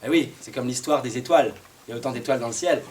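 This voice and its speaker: A man telling a Christmas tale to a live audience in a playful, animated way, sometimes singing and getting listeners to join in. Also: mid-range voice, very fast, slight background noise. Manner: lively, playful, sings and gets the audience to join in. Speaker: storyteller. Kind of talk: oral storytelling to a live audience.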